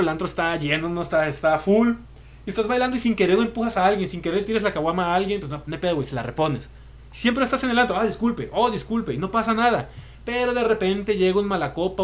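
Casting: young northern Mexican male host, high-pitched, slangy and animated. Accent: northern Mexican Spanish. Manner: slangy, animated storytelling with acted-out quotes. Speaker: show host. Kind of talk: casual live commentary.

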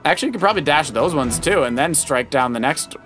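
Over loud video game music, a middle-aged dad co-hosting a Let's Play offers casual, encouraging commentary like a coach beside the player. His voice is a little high, with lively intonation, and he talks fast.

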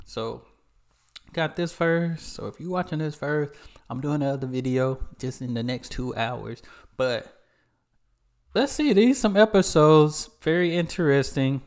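A man's voice: fairly high pitch, measured pace, a little mellow. A young American man giving casual reaction commentary as host of a video. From United States.

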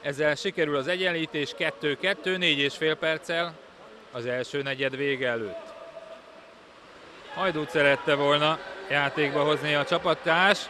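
A man giving excited sports commentary, drawing out his exclamations, in a noisy indoor pool hall. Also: on the high side. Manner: excited, drawn-out exclamations at goals.

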